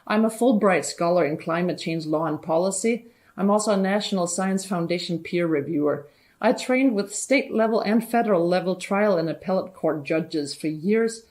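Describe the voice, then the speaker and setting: A woman from Denmark, a judicial candidate, earnestly listing her credentials in a campaign pitch. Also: darkish tone.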